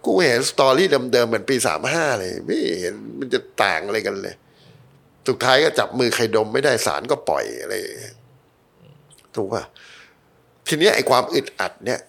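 A man's voice: medium pitch, sing-song, a little fast, creaky, fairly bright tone. A middle-aged man, a former advertising creative, telling stories as a podcast guest in a blunt, heated way full of swearing. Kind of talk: casual podcast conversation.

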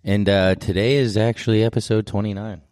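A man's voice: fairly low pitch, fairly even intonation, brisk, darkish tone, dry recording, studio quality. A man hosting a casual podcast chat, recorded in a garage.

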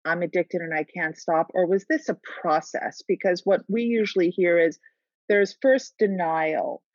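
A woman hosting an interview poses long, thoughtful questions. Her voice is lowish. The sound is dry and slightly muffled. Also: normal speed, dry recording.

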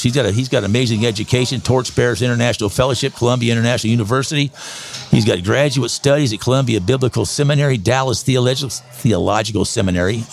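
A man in his sixties from Texas, hosting a podcast in an excitable, rambling, folksy way. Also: mid-range voice, gravelly. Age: 60s. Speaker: podcast host. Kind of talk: casual promotional podcast talk.

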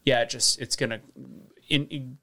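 A man's voice: medium pitch, fairly even intonation, moderate pace, sharp tone. A man guesting on a podcast, talking bluntly and opinionatedly, swearing freely in casual conversation. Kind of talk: casual chat.

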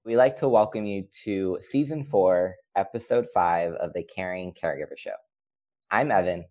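A man co-hosting a podcast, reading the welcome and a promo in a steady, read-aloud way. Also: sits low, moderate pace, faint music behind. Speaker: podcast co-host. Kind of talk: scripted podcast intro and promo.

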